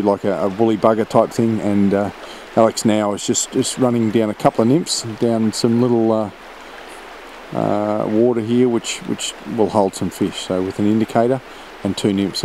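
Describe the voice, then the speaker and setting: A man's voice: on the low side, a little mellow, rough recording. A man giving casual, hesitant vlog narration as host of an outdoor fishing trip, out on a river. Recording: clear outdoor river noise. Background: rushing water and boat sounds.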